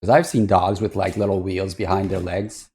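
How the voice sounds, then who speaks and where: A man's voice: sits low, little pitch movement, moderate pace, dark tone. A man chatting casually as a reacting streamer, rambling and hesitant as he thinks aloud. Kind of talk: casual livestream reaction chat.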